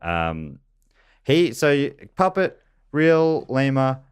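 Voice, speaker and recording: A man's voice: medium pitch, big pitch swings, takes it slowly, clear, resonant tone. A man, hosting a comedy podcast in a rambling, self-mocking way. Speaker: podcast host. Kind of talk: casual comedy chat.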